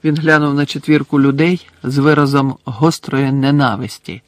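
A man reading a story aloud in an even, measured narration. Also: mid-range voice, dry recording. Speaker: audiobook narrator. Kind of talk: scripted narration.

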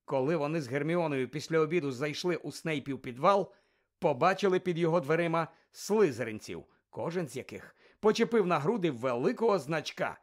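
A man narrating an audiobook with lively, expressive delivery. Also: on the high side, fairly quick.

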